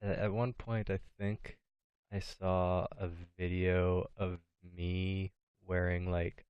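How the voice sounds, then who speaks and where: A young man with a very low, smooth and resonant voice, chatting casually on a podcast. He tells rowdy stories with dry jokes and plenty of swearing, and the sound is close and dry. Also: level tone, slow pace, no room sound, dull audio. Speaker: podcast co-host. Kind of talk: casual chat.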